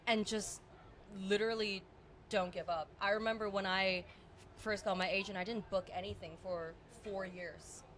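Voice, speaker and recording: A young adult woman actor being interviewed, soft-spoken and hesitant, with many restarts and fillers. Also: medium pitch, fairly even intonation, moderate pace. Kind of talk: casual interview chat. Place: film festival event.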